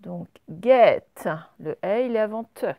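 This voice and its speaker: A French-accented woman teaching a recorded spelling lesson to young children, patient and clear, drawing out each example word. Her voice sits a little high and sounds close and dry, with no room around it. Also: lively intonation, no room sound, muffled recording. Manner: patient, slow and clear, stretching out example words. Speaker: primary school teacher.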